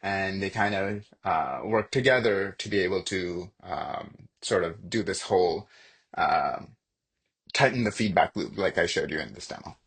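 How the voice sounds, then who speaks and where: A man giving a casual screen-share software demo, talking in a relaxed, conversational way as he thinks aloud while clicking through. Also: low-pitched, measured pace, slightly rough.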